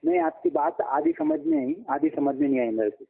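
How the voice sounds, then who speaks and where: Gravelly animated man on a phone line. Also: extremely high pitch, fairly quick. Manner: interrupts often, repeats himself, animated. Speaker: debater answering the questions. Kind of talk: religious debate over a phone call.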